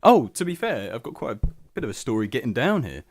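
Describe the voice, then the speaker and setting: A young man presenting a student radio show, rambling and making fun of himself between songs. His voice sits at an ordinary middle pitch. It comes across close and dry through a studio mic. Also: big pitch swings, quick pace, dry recording. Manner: self-deprecating, scatterbrained, lots of restarts. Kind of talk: rambling solo radio chat. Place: small hot radio studio. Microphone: studio microphone.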